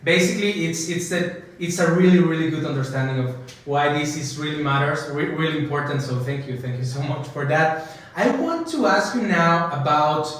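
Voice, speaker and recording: A man's voice: on the high side, expressive, moderate pace, a bit bright. A man hosting a podcast interview, appreciative, rephrasing his questions as he goes. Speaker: podcast host. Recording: very echoey room.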